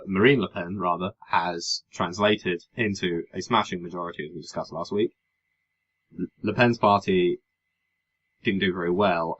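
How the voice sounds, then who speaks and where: Deep-voiced wry podcast host. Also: male voice, a bit bright, husky, highs cut off. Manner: wry, rambling, with hesitant fillers. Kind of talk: casual political chat.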